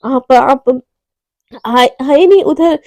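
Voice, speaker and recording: A woman's voice: high voice, very slow, darkish tone, no room sound, exaggerated voice. A woman voicing a jealous, pushy young woman who speaks insistently. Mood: resentful.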